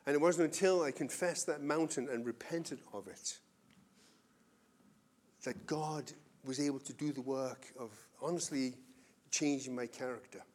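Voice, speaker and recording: A male pastor preaching a sermon in an earnest, conversational way, going from loud to quiet. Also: mid-range voice, measured pace. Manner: earnest, conversational preaching with wide swings in loudness.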